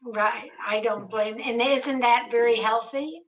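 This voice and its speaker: A woman's voice: on the high side, steady tone, a little slow, highs cut off. A woman hosting a chatty, friendly interview. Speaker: host. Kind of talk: casual interview talk.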